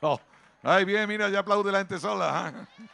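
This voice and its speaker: A man with an Andalusian accent doing live stand-up comedy at an outdoor town festival, chatty and teasing the crowd, switching into quick put-on voices. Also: high voice, gravelly, bright, forceful tone.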